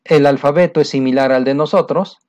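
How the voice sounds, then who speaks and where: Brisk and steady, a mid-range male voice with a darkish tone reviews exercise answers in a recorded English lesson. He repeats words patiently and addresses the learner directly.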